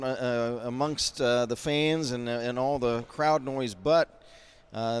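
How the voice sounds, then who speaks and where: A man's voice: medium pitch, clear, resonant tone. Folksy hockey play-by-play man. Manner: folksy, rambling asides with many fillers. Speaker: play-by-play announcer. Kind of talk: amateur hockey play-by-play commentary. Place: behind glass in a rink mezzanine.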